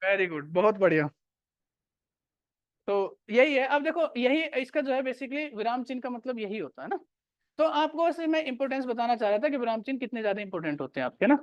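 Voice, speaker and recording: A man's voice: very high voice, expressive, brisk, no room sound, lo-fi sound. A male teacher giving a classroom grammar lecture, repeating key points and quizzing his students.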